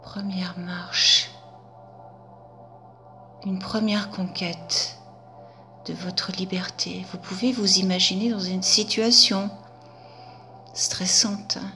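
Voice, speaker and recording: Woman hypnotherapist: hushed, very slow, bright tone, faint music behind. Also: medium pitch, little pitch movement. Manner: soft, half-whispered, drawn out. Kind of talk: guided hypnosis session.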